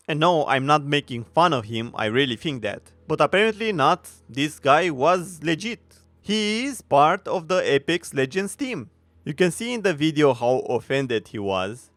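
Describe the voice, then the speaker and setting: Sarcastic male commentary voice, smooth and dry. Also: a little high, a bit bright, no room sound. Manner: sarcastic, mocking, frequent filler pauses. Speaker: commentary youtuber. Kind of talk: opinionated video commentary.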